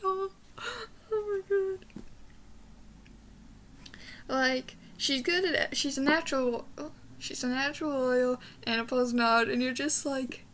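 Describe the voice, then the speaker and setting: This young woman, a book reviewer, speaks in a high, steady voice at normal speed with hardly any pauses, sounding a bit bright over slight background noise. She rambles casually in a review vlog from a small bedroom, saying W where an R should be.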